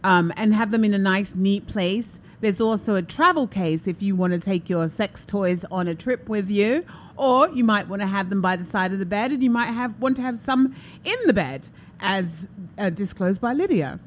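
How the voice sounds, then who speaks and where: A woman hosting a talk radio show, telling stories in an animated way, laughing and acting out quotes. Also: mid-range voice, moderate pace, slight background noise. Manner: animated storyteller, laughs often, acts out quotes. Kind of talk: casual radio chat.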